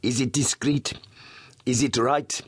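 A man voicing a smooth, suave, complacent middle-aged blackmailer who speaks in a purring manner. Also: mid-range voice, fairly even intonation, takes it slowly, dry recording, voice pushed up.

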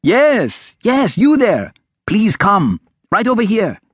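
A man voicing an eager, wiry adolescent boy who wheedles and calls out loudly in an audiobook. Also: fairly high pitch, very animated, normal speed, breathy edge, no echo, pitched above the performer's own voice, heavily acted. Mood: calling out.

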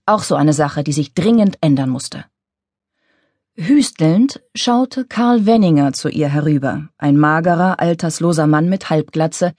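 Low-voiced woman narrating an audiobook. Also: mellow, no room sound, clean studio sound.

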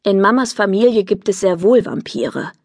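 A woman voicing a flustered, bossy mother in a children's audiobook, brisk and excitable. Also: mid-range voice, dry recording, clean studio sound, natural voice.

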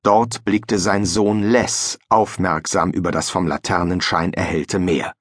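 A man narrating a fantasy novel as an audiobook in a measured storytelling manner. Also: low-pitched, steady tone, dry recording, studio quality. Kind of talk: scripted narration.

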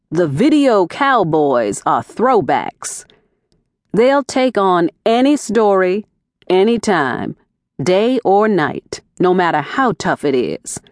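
A boisterous, folksy middle-aged cameraman, as a woman reader puts him on, hooting and drawling his lines with a sing-song lilt. His speech rolls slowly with wide swings in pitch, recorded close and dry like a studio audiobook. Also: no room sound.

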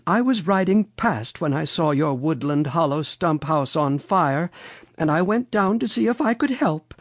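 A reader voicing Mother Goose, a kindly old storybook lady with a dramatic, drawn-out way of exclaiming. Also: mid-range voice, expressive, no echo, voice pushed up. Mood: kindly, helpful.

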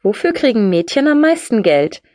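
A woman's voice: on the high side, sing-song, moderate pace, darkish tone, dry recording, studio quality, pitched above the performer's own voice. A woman doing a brash, unfazed young woman. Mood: breezy. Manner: blunt, breezy, matter-of-fact.

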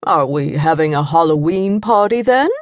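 A woman voicing an older, dignified man who speaks quietly with authority in an audiobook. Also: animated, no echo. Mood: curious. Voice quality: low, measured, hushed.

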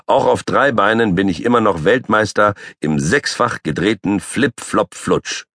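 Boastful tomcat narrator, voiced by a man; very low, husky, dry close studio sound. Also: measured pace, dry recording. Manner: boastful, grumpy, lively. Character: boastful noble three-legged tomcat, ex-circus artist. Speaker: audiobook narrator. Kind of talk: children's audiobook narration. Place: recording studio. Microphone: close studio mic.

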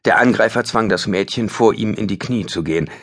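A man's voice: lowish voice, brisk. A man narrating a thriller audiobook in a tense, dramatic scripted reading.

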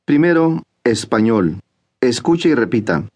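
A man with a mid-range voice narrates a language lesson, giving calm and clear instructions at a measured pace. His delivery is steady and scripted. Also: medium pitch.

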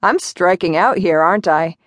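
A woman's voice: lowish voice, moderate pace, no room sound, studio quality, lightly acted. A woman reading a cocky, teasing young man. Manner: teasing, sarcastic.

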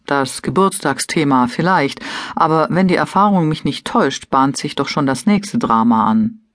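A woman's voice: low-pitched, expressive, normal speed, no room sound. A woman voicing a middle-aged husband with a dry, matter-of-fact manner, reading an audiobook.

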